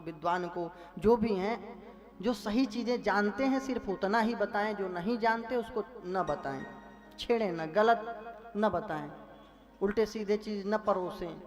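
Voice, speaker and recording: A male storyteller giving a devotional sermon, folksy and lively, asking the audience questions as he tells a scripture story. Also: sits high.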